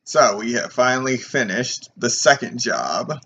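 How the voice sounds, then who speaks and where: A man casually commenting while playing a video game, relaxed and chuckling often. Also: mid-range voice, measured pace, slightly rough, highs cut off. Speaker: streamer.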